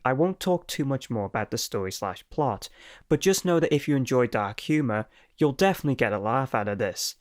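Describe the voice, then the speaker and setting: A man narrates a scripted anime review at an ordinary middle pitch. His delivery is dry, with a light sarcastic edge.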